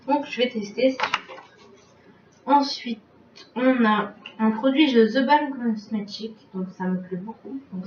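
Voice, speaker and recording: A woman's voice: medium pitch, a little hiss or hum. A woman vlogger chatting casually through a beauty box unboxing, filling her talk with little filler words, recorded on a webcam at home. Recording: roomy, distant, dull webcam sound.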